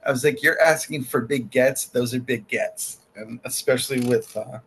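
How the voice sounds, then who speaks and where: A man hosting a podcast in casual chat, excitable and halting, with lots of fillers and restarts. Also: mid-range voice, creaky, slightly rough, poor audio. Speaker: podcast host.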